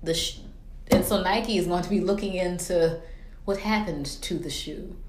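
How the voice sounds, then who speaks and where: A woman with a low voice hosts a casual chat. She rambles colloquially and drops quips, and her voice rings with noticeable room echo. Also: moderate pace, a little mellow, slight background noise. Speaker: podcast host. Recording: roomy echo.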